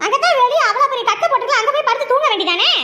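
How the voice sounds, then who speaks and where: A woman in a village comedy skit playing a sharp-tongued mother-in-law who nags and scolds. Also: very high voice, expressive, rapid-fire, roomy sound, very noisy. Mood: scolding. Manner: nagging and scolding.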